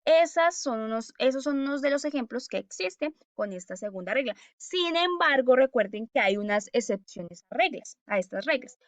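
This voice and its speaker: A woman's voice: a little high, lively intonation, no room sound. A woman teaching a language lesson to children, patiently sounding out syllables and often checking that they follow. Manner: patient, repeats syllables slowly, checks in with "¿cierto?" and "¿listo?".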